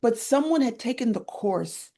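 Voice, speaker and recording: A woman guest in an interview, talking with enthusiasm and acting out little scenes as she tells them. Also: moderate pace. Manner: enthusiastic storyteller, lively swings in pitch when retelling scenes. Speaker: guest, end-of-life doula educator. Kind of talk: conversational interview.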